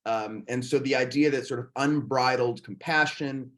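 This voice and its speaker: A man's voice: mid-range voice, moderate pace, a bit bright. A man hosting a podcast in casual conversation, thinking aloud in a reflective way with frequent restarts. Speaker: podcast host.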